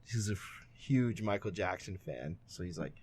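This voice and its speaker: A man's voice: sits low, normal speed, darkish tone, husky, no room sound. A young man co-hosting a podcast in casual chat, laid-back and shrugging things off. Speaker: podcast co-host.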